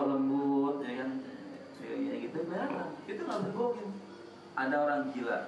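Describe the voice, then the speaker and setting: A high-pitched man preaches casually, teasing his listeners with questions. He sounds far from the mic, in a very echoey prayer room. The recording carries clear background noise. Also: dull audio. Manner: joking, asks the audience questions. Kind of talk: casual religious lecture.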